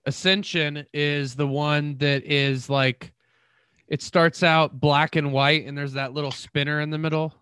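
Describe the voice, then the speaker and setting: Young man, casual game chat, rambling with fillers, smooth resonant voice, slightly high pitch. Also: steady tone, measured pace, bright, forceful tone, dry recording. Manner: rambling, full of fillers and restarts. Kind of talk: casual chat about video games.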